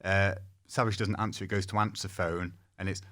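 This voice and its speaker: A man's voice: deep voice, little pitch movement, a little fast, fairly bright tone. A man co-hosting a football podcast, telling a short story in a wry, laid-back way. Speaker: podcast co-host. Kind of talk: casual chat.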